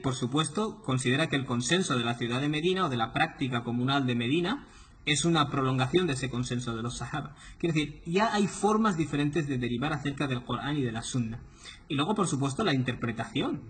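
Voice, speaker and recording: A man's voice: on the high side, fairly bright tone, a little hiss or hum. A man giving a religious lecture, explaining points patiently and often checking in with his listeners. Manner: didactic, often asks "¿vale?". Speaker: Islamic lecturer. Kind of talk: explanatory talk.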